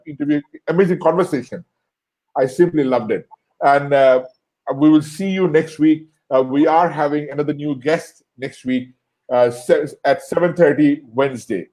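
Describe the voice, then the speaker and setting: A man from Bangladesh hosts an interview and wraps it up, talking in halting stretches that are full of fillers and repeated words. His voice sits a little higher than most men's. He keeps thanking his guest over and over. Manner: warm thanks with many fillers and restarts. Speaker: host. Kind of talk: closing an online interview show.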